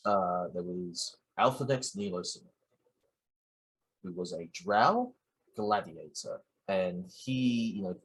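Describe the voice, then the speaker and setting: Husky low-voiced man hosting a podcast. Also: rough recording. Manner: hesitant, many fillers and restarts. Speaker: podcast host. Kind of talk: casual solo podcast monologue.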